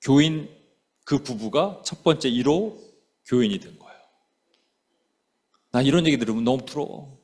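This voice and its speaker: A man's voice: mid-range voice, expressive, moderate pace, long pauses, a little mellow. A man preaching a sermon as a pastor, telling a story and acting out its quoted lines, often calling to the congregation and slipping in English words.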